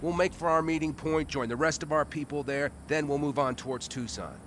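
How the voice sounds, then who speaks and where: A man playing a practical nomad in a video game, calmly explaining like a planner. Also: on the high side, brisk, slight background noise, lightly acted.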